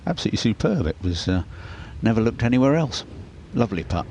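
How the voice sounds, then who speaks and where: A man's voice: fairly low pitch, sing-song, quick pace, a little mellow, a little hiss or hum. A man giving conversational golf commentary as an analyst, chatting appreciatively through each shot.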